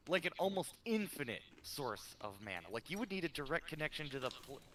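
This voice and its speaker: A man playing a tabletop game, explaining things in a hesitant, halting way. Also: on the high side, sing-song, background noise. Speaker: player. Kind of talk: casual tabletop play.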